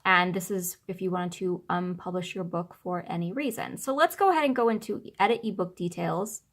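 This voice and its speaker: A woman's voice: on the low side, brisk. A woman in her thirties talking in a chatty, informal way as she hosts a how-to video, recorded at home on a camera's built-in mic. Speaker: self-publishing author and video host. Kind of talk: casual how-to tutorial. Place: small furnished room at home. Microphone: camera's built-in microphone, no external mic.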